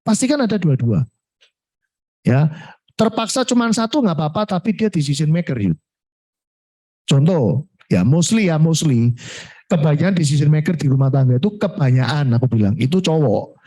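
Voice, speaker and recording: Lively man coaching agents. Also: a little high, normal speed. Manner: lively, mixes in Javanese and English words, acts out client replies. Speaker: sales coach. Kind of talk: coaching talk to insurance agents.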